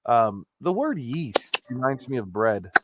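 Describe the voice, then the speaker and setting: Animated joking man with popping p sounds. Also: medium pitch, unhurried. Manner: joking, rambling. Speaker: host of a live-streamed talk show. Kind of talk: casual comedic live chat, reading viewer comments. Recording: clicks and pops, faint background noise.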